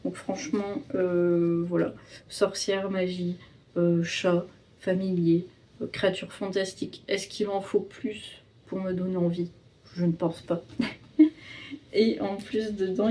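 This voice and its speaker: A woman's voice: on the low side, warm tone, recorded from a distance. A woman chatting casually in a reading vlog, hesitant and full of fillers and restarts. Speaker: book vlogger.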